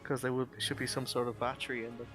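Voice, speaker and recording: A man's voice: medium pitch, completely flat delivery, fast. Casual male gamer over music. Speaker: tabletop game player. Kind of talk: casual game chat. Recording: clear music behind the voice.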